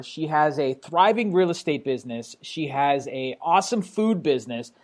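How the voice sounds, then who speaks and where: A man's voice: a little high, darkish tone. A man hosting an interview podcast, upbeat and enthusiastic, talking loosely with fillers. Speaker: podcast host.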